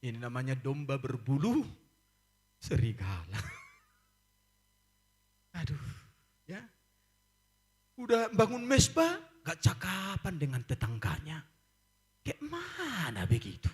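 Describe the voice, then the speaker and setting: Animated preacher man. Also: a little high, slow pace, long pauses, breathy edge. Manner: animated preaching, acts out quoted voices, laughs. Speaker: pastor. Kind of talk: lively sermon.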